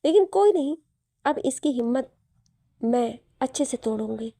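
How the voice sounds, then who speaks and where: A woman's voice: a little high, normal speed, mellow, no room sound, clean studio sound. A cruel male kidnapper, read by a woman. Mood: angry threat. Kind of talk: storytelling narration.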